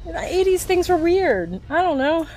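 With an extremely high pitch and normal speed, this middle-aged eastern Pennsylvania woman chats casually as a podcast co-host or guest. She tells stories animatedly, acting out what others said. Music plays faintly underneath.

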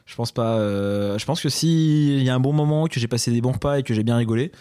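A young man co-hosting a podcast, telling stories in a fast, chatty way with lots of fillers. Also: mid-range voice, dark tone, smooth, dry recording, clean studio sound. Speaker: podcast co-host. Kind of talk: casual chat.

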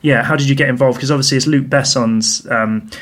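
A man's voice: mid-range voice, fairly even intonation, brisk, fairly bright tone. A man interviewing a film director and giving short affirmations. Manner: brief affirmations. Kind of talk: interview questions.

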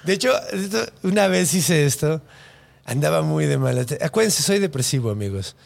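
A man with a Mexican accent hosting a podcast, retelling a story in a loose, animated, slang-heavy casual chat. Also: a little high, moderate pace, gravelly. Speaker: podcast host.

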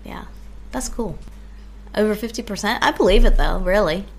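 A woman's voice: mid-range voice, moderate pace, slightly rough. A woman chatting casually and agreeably as a podcast co-host, in a conversational way. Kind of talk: casual chat.

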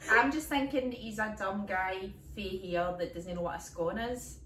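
A woman's voice: medium pitch, normal speed, a bit bright, distant mic, slight background noise. A Scottish woman co-hosting a comedy podcast, telling rambling stories and laughing often, recorded on a phone. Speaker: podcast co-host. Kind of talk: casual comedic chat. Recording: echoey room, phone held off-mic.

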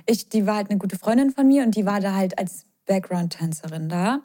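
A young woman from the Schweinfurt area of Germany, chatting casually and excitedly quoting herself as she tells a story. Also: mid-range voice, brisk. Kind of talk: casual chat.

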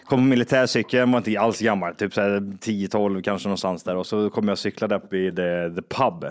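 A man with a fairly low voice chats casually on a podcast. His banter is laid-back and crude, and he rambles through a childhood story. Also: fairly even intonation. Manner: loose, laughing banter with crude asides. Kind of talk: casual chat.

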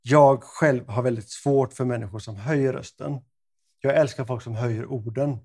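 A man's voice: medium pitch, steady tone, darkish tone, husky. A man co-hosting a podcast, talking in a playful, bantering way. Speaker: podcast co-host. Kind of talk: casual chat.

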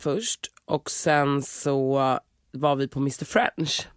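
A man's voice: medium pitch, expressive. A young man, co-hosting a podcast and chatting in an exasperated, casual way. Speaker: podcast co-host. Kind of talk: casual chat.

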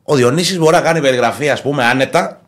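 A man from Greece co-hosting a sports talk show, telling stories in a measured way. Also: medium pitch, a bit bright. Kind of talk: casual sports chat.

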